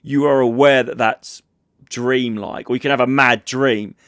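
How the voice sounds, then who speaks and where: A man's voice: medium pitch, unhurried, no echo. Rambling man on a dry mic. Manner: rambling, animated, swearing, trailing off mid-sentence. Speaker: podcast host. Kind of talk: casual chat.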